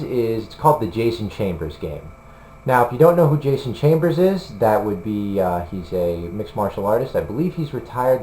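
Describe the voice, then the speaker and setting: A man's voice: lowish voice, a little mellow. A man video blogging for a combat sports site, talking casually to the camera in a rambling, hesitant way with lots of fillers. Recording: roomy room with faint hum.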